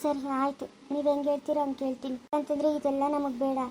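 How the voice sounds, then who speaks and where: A meek young wife voices her worries to her husband in a village drama, played by a woman. The voice is very high but quiet and hesitant. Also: flat delivery, fast, slight background noise, natural voice, low-quality recording. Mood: worried.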